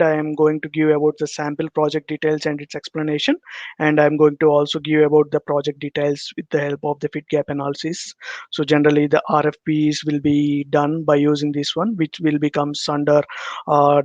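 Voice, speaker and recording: A man in his thirties with an Indian accent gives a halting, repetitive online presentation over a video call. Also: on the high side, a little mellow, dry recording. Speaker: guest presenter, solution architect. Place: indoor room, on a video call. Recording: dull, close-sounding video call audio.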